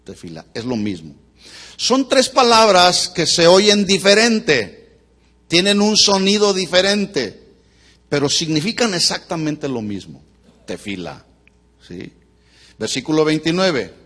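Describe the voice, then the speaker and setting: High-voiced man preaching a sermon. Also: very animated, slow pace, long pauses, a bit bright. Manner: teaching, quizzing the congregation with questions. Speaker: pastor. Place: church before a congregation.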